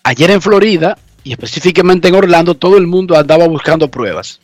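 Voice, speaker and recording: The host's voice is strikingly high and nasal from a cold as he runs an informal radio program in his home garage. Fairly quick and lively in intonation, he's emphatic and chatty, circling back to repeat things; the close, echo-free sound has quiet music underneath.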